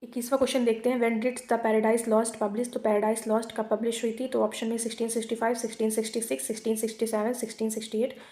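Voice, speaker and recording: A woman teacher going through exam multiple-choice questions, reading each one slowly in English and then explaining it quickly in Hindi. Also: fairly high pitch, flat delivery, warm tone, reverberant. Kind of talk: exam quiz lesson.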